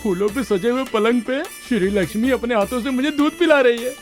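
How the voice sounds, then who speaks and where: A man's voice: very high voice, fairly quick, faint music behind. A man voicing a lovesick village daydreamer who talks boastfully in a dubbed film. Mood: chatty. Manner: chatty, boastful.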